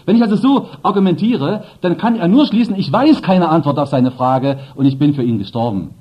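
Husky guy preaching, voice jumps up and down a lot, dull lo-fi tape sound. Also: fairly high pitch, fairly quick. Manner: lively, emphatic preaching with asides to the congregation. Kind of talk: sermon. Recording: dull lo-fi sermon recording.

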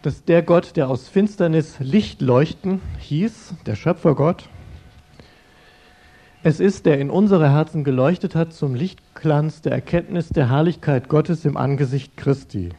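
Mellow-voiced man giving a sermon. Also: fairly high pitch, a little slow. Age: middle-aged. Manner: earnest, conversational, addresses listeners directly. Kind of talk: sermon-style talk.

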